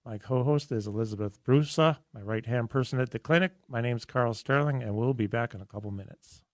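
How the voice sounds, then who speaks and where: A man hosting a health radio show in a studio, talking in a casual, enthusiastic and rambling way with a hoarse, raspy voice. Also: medium pitch, fairly quick.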